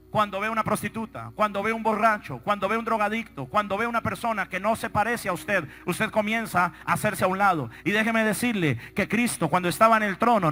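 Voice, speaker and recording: A man preaching a dramatic sermon in a large auditorium, telling a story and calling out to the congregation. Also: high voice. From Colombia. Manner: dramatic storytelling with sudden shouted calls to the crowd.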